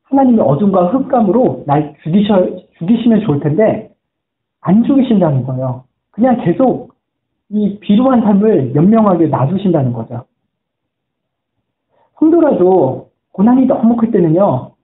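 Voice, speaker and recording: Earnest pastor preaching, echoey and tinny. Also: male voice, high voice, sing-song, normal speed. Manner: earnest storytelling, quoting voices. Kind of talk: sermon. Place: church sanctuary. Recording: echoey room on a tinny phone-like line.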